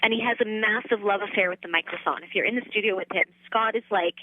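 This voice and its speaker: A woman voice actress in her thirties, chatting easily as an interview guest, with relaxed fillers and a light, laughing manner. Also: mid-range voice, quick pace, dry recording, phone-quality sound. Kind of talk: casual interview chat.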